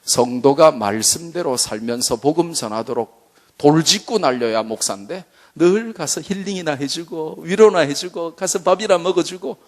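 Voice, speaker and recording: Animated, lively preaching pastor man. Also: a little high, moderate pace. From Busan, South Korea. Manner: animated, joking, full of vivid asides. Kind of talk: humorous evangelism sermon. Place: church seminar hall.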